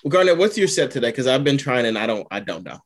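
A man co-hosting a podcast in casual group chat, measured and explanatory. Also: medium pitch, sing-song. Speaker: podcast co-host.

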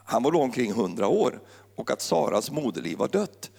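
A man's voice: mid-range voice, very animated, vocal fry, darkish tone, in a large hall. A man preaching a sermon in a playful, joking way, full of wordplay. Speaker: pastor.

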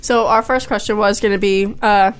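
A woman's voice: mid-range voice, fairly even intonation, normal speed, clean tone. A young adult woman co-hosting a podcast, talking casually and saying "like" often. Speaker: podcast co-host.

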